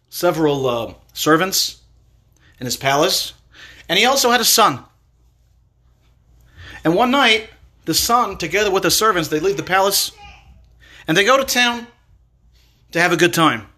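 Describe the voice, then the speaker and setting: A man's voice: on the high side, pushed and bright. A man giving a Torah lecture, telling a parable and repeating words for emphasis. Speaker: Torah teacher.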